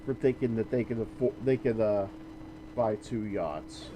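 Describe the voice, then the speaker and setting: A man's voice: fairly low pitch, a little slow, background noise. A man streaming a game, chatting casually in a wry, joking way with restarts and trailing sentences. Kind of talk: casual chat while gaming.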